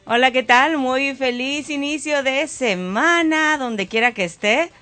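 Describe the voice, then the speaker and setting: A woman's voice: high-pitched, measured pace. Encouraging woman radio co-host. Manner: warmly encouraging, faith-filled phrasing.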